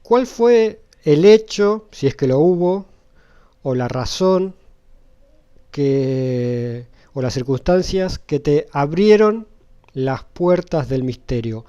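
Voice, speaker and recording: Male host, slow and warm, slightly high, muffled sound. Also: lively intonation, clear, resonant tone. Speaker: channel host, interviewer. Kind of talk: casual interview.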